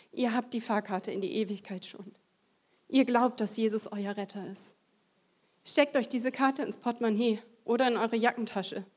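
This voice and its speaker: A woman's voice: on the high side, slightly rough. A woman giving a testimony sermon to a congregation. She tells a story vividly and acts out the voices in it. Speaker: lay preacher.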